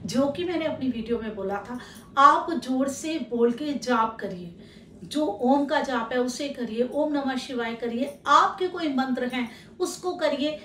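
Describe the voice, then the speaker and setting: A woman spiritual teacher talks calmly straight to the listener, giving steady advice. Her voice sits high. It rings in an echoey room with a faint hum behind it. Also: unhurried, recorded from a distance. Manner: calm, advising, addresses the listener directly. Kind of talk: instructional talk to camera. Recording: echoey room, voice a little off-mic.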